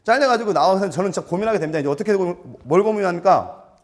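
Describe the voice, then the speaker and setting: A man giving a storytelling seminar lecture, animated and self-mocking, acting out quotes and putting questions to his audience. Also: high voice, rapid-fire. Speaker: lecturer for martial arts gym instructors.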